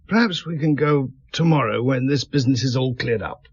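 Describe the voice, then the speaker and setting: An actor playing a calm, laconic police inspector in a radio drama, speaking tersely and asking quiet, probing questions. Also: male voice, medium pitch, a little fast, husky, no room sound, dull audio. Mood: preoccupied.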